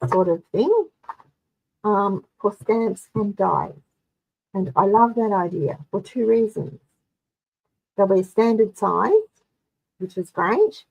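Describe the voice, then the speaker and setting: A woman's voice: medium pitch, vocal fry, breathy edge, rough recording. A woman running a live card-making tutorial, chatting through each step for her viewers. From Australia.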